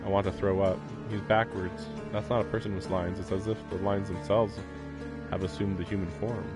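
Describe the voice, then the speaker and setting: Game music runs under this male streamer as he reads out a visual novel and chimes in with offhand remarks. He sits low in pitch and speaks a little quickly, with a flat delivery.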